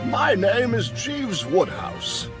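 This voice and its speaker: A high-pitched, prim anime butler. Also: male voice, huge pitch swings, takes it slowly, exaggerated voice. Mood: stern courtesy. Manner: stiff, polite, formal diction. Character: formal, prim male butler of a wealthy household. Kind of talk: English anime dub acting. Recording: music behind the voice.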